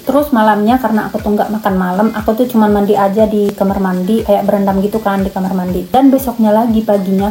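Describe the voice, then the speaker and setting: A woman's voice: medium pitch, dark tone, low-quality recording. A young woman from Indonesia telling a personal story in a casual, emotional vlog, repeating herself as she goes. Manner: emotional, repetitive, chatty. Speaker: vlogger.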